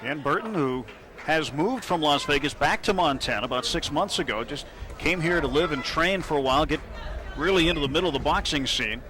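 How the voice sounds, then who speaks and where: A man's voice: a little high, lively intonation, fairly quick, noisy background. A man giving live play-by-play sports commentary as a boxing broadcaster. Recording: loud crowd and music behind. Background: arena crowd, loud music.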